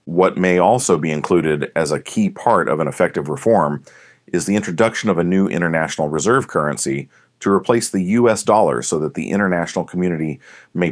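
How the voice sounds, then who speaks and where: A man narrating an audiobook in a measured, deliberate reading. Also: very deep voice, no echo, clean studio sound. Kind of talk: scripted narration.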